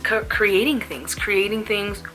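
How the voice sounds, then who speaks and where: A woman's voice: mid-range voice, a little slow, bright, forceful tone, soft background music, poor audio. A young woman chatting casually in a laid-back, slangy stoner manner, as in a smoke-along vlog. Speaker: small YouTube vlogger.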